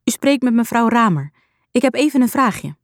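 A woman voicing a calm, caring mother in a children's storybook reading, speaking earnestly. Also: a little high, normal speed, no echo, studio quality, voice pushed up. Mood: polite.

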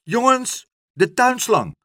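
A man's voice: low voice, wildly swooping pitch, slow pace, fairly bright tone, no echo, clean studio sound, pitched below the performer's own voice, heavily acted. A man doing a flustered, chaotic father. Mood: frantic. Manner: exclamatory, overly polite when acting proper.

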